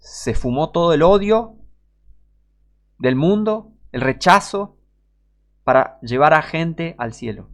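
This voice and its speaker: A man's voice: a little high, lively intonation, takes it slowly, pauses often. A man with a Rioplatense Spanish accent preaching an informal sermon, emphatic and rhetorical, talking straight to the listener.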